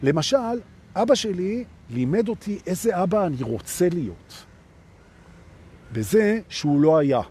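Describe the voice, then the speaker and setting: A man's voice: high voice, big pitch swings, mellow, slightly rough. A man leading a live self-help session as a coach, talking animatedly and repeating key phrases while he addresses his listeners directly. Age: adult with a son. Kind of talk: motivational self-help talk.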